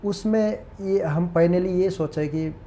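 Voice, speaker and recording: A man's voice: high-pitched, slow pace, warm tone, a little hiss or hum. A man, a guest on a talk show, telling a personal story in an earnest, hesitant, reflective way.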